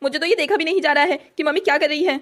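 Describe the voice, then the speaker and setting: A woman's voice: high-pitched, very fast, fairly bright tone. A woman voicing an upset teenage son in a cartoon story, urgent and pleading.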